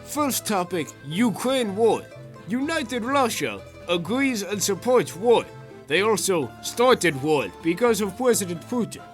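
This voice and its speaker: A teen doing a mock-stern Russian presenter. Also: male voice, high-pitched, big pitch swings, unhurried, soft background music. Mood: deadpan mock-serious. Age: teens. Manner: clipped broken phrasing, dropped articles. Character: comically stern Russian man presenting politics. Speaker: student presenting a school project. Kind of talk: satirical class presentation.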